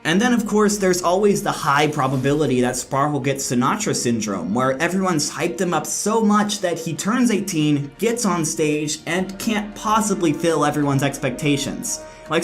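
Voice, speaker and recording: A man with a slightly high voice delivers scripted esports commentary as a host. He is frank and opinionated. Faint music plays behind him, and the room sounds a little echoey. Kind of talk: scripted commentary, countdown rankings. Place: indoor room, different from usual.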